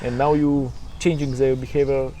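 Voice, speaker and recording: A man's voice: medium pitch, little pitch movement, moderate pace, warm tone, slight background noise. A man conducting a casual business interview, speaking in choppy, non-native English phrasing.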